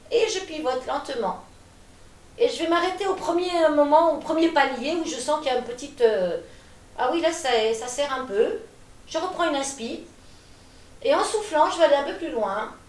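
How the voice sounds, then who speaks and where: A woman teaching a gentle gym class, calmly cueing breaths and movements while she demonstrates. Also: sits high. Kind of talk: guided exercise class. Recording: echoey room, voice from a distance.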